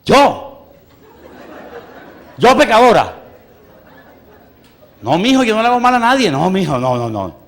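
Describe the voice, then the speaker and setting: A man's voice: sits high, sing-song, fast, few pauses, a bit bright, a faint crowd, full character voice. A man voicing his frail elderly grandmother, stubborn, who protests with short repeated words. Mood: indignant.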